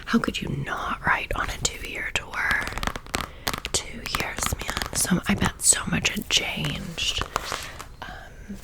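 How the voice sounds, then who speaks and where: A woman chatting casually in an excited, gushing whisper for an ASMR video, with playful slang. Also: lowish voice, gravelly, low-quality recording. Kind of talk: whispered ASMR merch haul chat.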